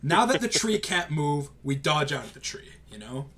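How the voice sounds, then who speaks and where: Man, game commentator, casual, excitable, somewhat high voice, very animated pitch. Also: moderate pace, a little hiss or hum. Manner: excitable, reacts aloud with groans and exclamations.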